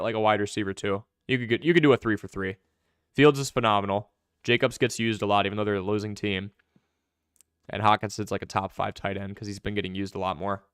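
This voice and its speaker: A young man hosting a live fantasy football stream, answering viewer questions in quick, chatty commentary. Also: on the low side, clear, resonant tone, dry recording, studio quality. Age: young adult.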